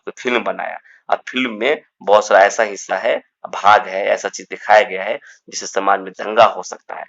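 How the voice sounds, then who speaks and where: Gravelly man teaching English words. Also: on the low side, pushed and bright. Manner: repetitive, drills words, addresses students as babu. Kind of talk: vocabulary lesson explaining confused words. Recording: dull lo-fi recording.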